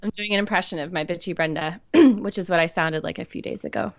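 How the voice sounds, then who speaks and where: A woman getting over a cold chats as a podcast guest, and her congestion comes through faintly. Her voice sits low for a woman, and she keeps a teasing tone. The recording is dry and a little dull. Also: fast, no room sound. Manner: joking, teasing. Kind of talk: casual chat. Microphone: new studio microphone.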